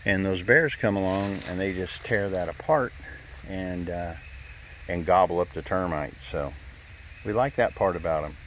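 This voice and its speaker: Walking through woods and fields, a middle-aged man chats easily for his vlog in a folksy manner, occasionally short of breath. He has a low, slightly bright voice at normal speed, with a bit of background noise.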